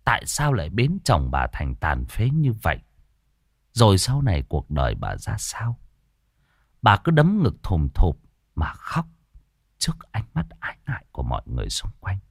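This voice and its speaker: Low-voiced man. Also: huge pitch swings, normal speed, creaky, slightly rough, no room sound, clean studio sound. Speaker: narrator. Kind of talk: storytelling narration.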